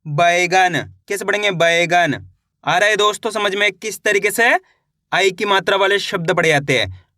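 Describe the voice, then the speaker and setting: A man with a high, bright voice teaches beginners to read Hindi. He sounds out each word syllable by syllable with patient repetition. His voice is dry and close to the mic. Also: no echo. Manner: patient, repeats each word slowly syllable by syllable, then speeds up for explanations. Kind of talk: spelling out and reading Hindi words for learners.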